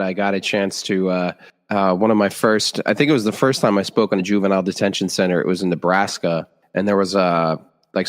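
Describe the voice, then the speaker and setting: A man with a lowish voice hosts a casual interview podcast, talking in a friendly, chummy way full of restarts. His voice carries a long reverb, as if recorded in an echoey room. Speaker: podcast host.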